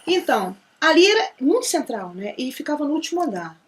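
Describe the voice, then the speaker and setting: A middle-aged woman from Rio de Janeiro with a Carioca accent, talking fast and chatty as an interview guest. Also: high-pitched, very animated, slight background noise. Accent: Carioca Brazilian Portuguese. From Brazil (Rio de Janeiro). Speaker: guest, singer and percussionist. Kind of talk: casual interview chat.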